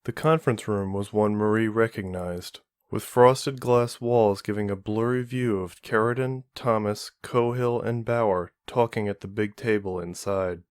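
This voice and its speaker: A man narrating fan fiction in a steady, measured reading. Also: fairly low pitch, smooth, no echo, studio quality. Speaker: audiobook reader.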